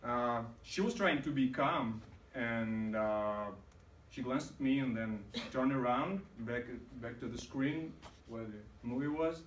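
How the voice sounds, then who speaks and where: A man's voice: medium pitch, unhurried, a little hiss or hum. Man telling a story in an echoey hall. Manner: hesitant, many fillers. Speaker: club speaker. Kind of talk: storytelling speech. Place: meeting room. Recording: roomy hall, mic far off.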